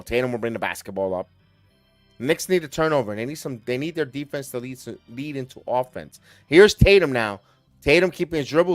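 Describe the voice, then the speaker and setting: A man calls live basketball play-by-play for a watch-along stream, firing off quick calls that climb on big plays and answering his chat by name. His voice sits at an ordinary middle pitch and sounds dry and close, with faint music underneath. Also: no room sound. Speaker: host and play-by-play caller.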